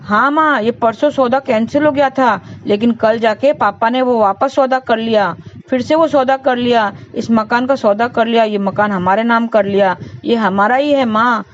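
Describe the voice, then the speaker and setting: A woman's voice: on the high side, normal speed, close to an everyday voice. A woman voicing an earnest grown younger son who insists on the news to his mother, in a dull lo-fi recording with faint hiss. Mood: insistent.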